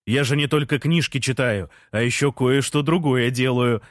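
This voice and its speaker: A man voicing Jean, an excitable, slow-witted man who shouts questions and announcements, in an audiobook. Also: medium pitch, dry recording, clean studio sound, close to an everyday voice. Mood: boisterous.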